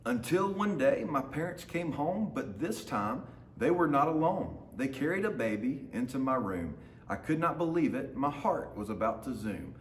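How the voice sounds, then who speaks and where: Very animated and moderately paced, a medium-pitched male teacher in his thirties performs a children's picture book for his students, with short asides along the way. Recorded in a large open lounge indoors with a hard floor, the audio has a roomy echo and faint background noise.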